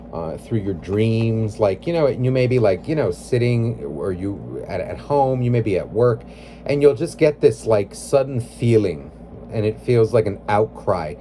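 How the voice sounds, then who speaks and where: A man talks through a tarot reading in a low, dark-toned voice. He rambles, leaning on "like" and "you know", and speaks bluntly and with feeling. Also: slight background noise. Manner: emotionally invested, blunt. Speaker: tarot reader.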